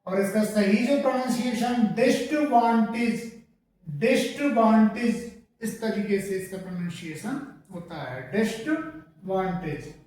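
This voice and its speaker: A man from India teaching English pronunciation in a slow, deliberate lesson, spelling words out letter by letter and repeating them. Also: high-pitched, darkish tone, heavy reverb, recorded from a distance, slight background noise, low-quality recording. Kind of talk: classroom-style lesson.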